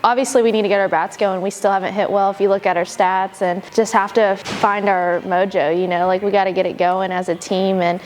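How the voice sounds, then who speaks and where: A woman softball coach talking casually about her team, with many fillers. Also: medium pitch, level tone, fairly quick, hardly any pauses, a little hiss or hum. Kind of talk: interview talk.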